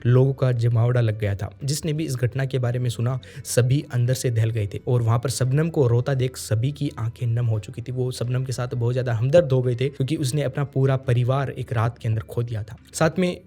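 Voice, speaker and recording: Earnest male true crime narrator, mellow voice. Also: medium pitch, fairly even intonation, a little fast, hardly any pauses. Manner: earnest, repeats phrases for emphasis. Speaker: true crime podcast host.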